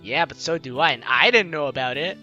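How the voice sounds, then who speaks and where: Brisk and a little high-pitched, a young man hosts a let's play in a muffled recording, with game music in the background. He stays animated and playful, commenting casually and voicing the game dialogue aloud.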